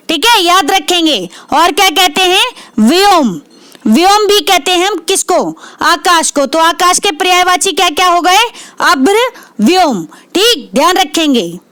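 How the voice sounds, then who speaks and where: A woman with a very high, sharp voice, recorded dry, tutors students in Hindi literature for exams. She teaches vocabulary by repeating each word, then poses questions and answers them herself.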